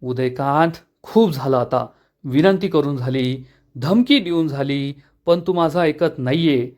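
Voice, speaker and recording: A man's voice: a little high, a little slow, a little mellow, natural voice. A man voicing an angry scheming woman villain in a retold TV serial, scolding sharply.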